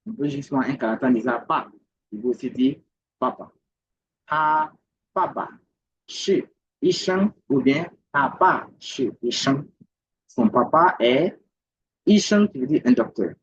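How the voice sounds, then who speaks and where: A man with an Ivorian French accent teaching a Mandarin lesson, repeating each word slowly and asking if his students follow. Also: mid-range voice, very animated, gravelly, slightly rough, highs cut off. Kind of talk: language lesson.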